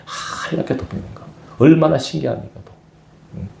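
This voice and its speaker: A man's voice: on the high side, normal speed, creaky, darkish tone, reverberant. A man preaching a sermon as pastor to his congregation, often asking them questions. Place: church sanctuary.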